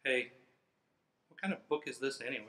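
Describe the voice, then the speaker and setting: A middle-aged firefighter, set indoors in front of a fire truck, reads a children's story with exaggerated, playful theatrics. His voice is medium-pitched and sharp, fairly quick, and the echoing recording carries a slight hiss or hum.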